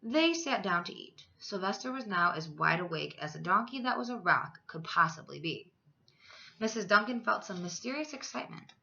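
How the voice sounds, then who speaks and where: A woman's voice: mid-range voice, animated, moderate pace, vocal fry, bright, forceful tone, dull audio. A woman reading a children's story aloud as a teacher, expressively, with dramatic emphasis for young listeners.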